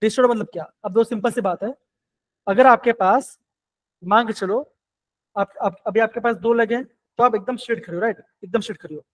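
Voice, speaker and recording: A man with a high, light voice, teaching chemistry live online. He keeps circling back to his questions and coaxing his students to answer. His talk is steady and encouraging. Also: a little fast, rough recording.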